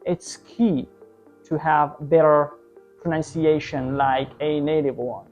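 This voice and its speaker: A woman's voice: deep voice, fairly even intonation, slow, darkish tone, dull audio, soft background music. A woman teaching an online English lesson, explaining tips and often checking in with "right?". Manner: tags many sentences with "right?"; coaching, repetitive explanation.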